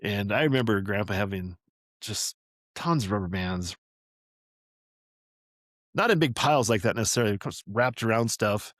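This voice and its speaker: A man's voice: lowish voice, lively intonation, normal speed, long pauses, a bit bright, no room sound, studio quality. An older man hosting a podcast, reading a family memoir aloud and drifting into chatty, rambling asides that he corrects as he goes. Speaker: podcast host.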